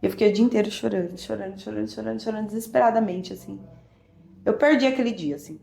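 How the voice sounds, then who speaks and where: A woman with a Brazilian Portuguese accent, a podcast guest telling a personal story in a reflective, emotional way with many soft fillers. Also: mid-range voice, fast talker, gravelly. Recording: echoey room.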